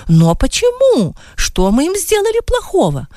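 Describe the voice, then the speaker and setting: A woman's voice: extremely high pitch, huge pitch swings, moderate pace, warm tone, no room sound, studio quality, pitched above the performer's own voice, heavily acted. A woman voicing a proud young woman who speaks coldly and firmly. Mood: suspicious. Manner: cold, firm.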